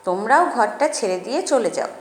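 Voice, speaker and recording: A woman's voice: a little high, animated, fairly quick, reverberant, faint music behind, lightly acted. A woman voicing a grumpy, stingy older male hotel manager who blusters and scolds. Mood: blustering.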